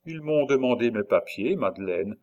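A man reading a storybook voices a weary wandering peddler who speaks softly and with resignation. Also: mid-range voice, expressive, moderate pace, muffled recording, close to an everyday voice. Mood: resigned. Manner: soft, resigned and hushed.

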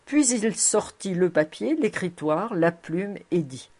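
A woman narrating a novel aloud with steady, measured storytelling. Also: lowish voice. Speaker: audiobook narrator.

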